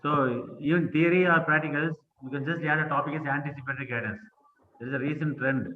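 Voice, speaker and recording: A man, a senior doctor giving slow, repetitive feedback in an online class, heard over a phone on speakerphone. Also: fairly high pitch. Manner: slow, repetitive, polite phrasing. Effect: heard through a phone on speakerphone. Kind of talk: unscripted teaching remarks. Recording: tinny, echoey phone line with faint hiss and clicks.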